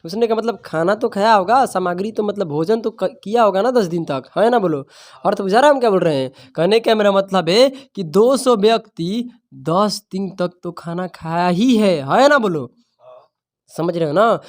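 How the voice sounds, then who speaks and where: A man's voice: sits high, animated, normal speed. A man teaching maths to a class, mixing the lesson with joking, scolding asides. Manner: teasing, scolding, playful dialect asides.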